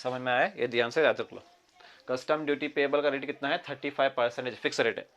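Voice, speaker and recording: A man's voice: mid-range voice, fairly even intonation, fairly bright tone. A male commerce teacher with a Kannada-region Indian accent lectures, repeating key terms, quizzing his students, and mixing Hindi with English terms. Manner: mixes Hindi with English terms, reads problems slowly. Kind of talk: classroom lecture.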